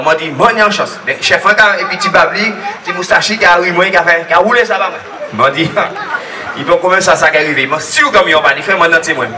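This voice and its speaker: A man giving a rambling, lively faith testimony at a church gathering, laughing often as he tells his story. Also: high voice. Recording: distant mic with crowd noise.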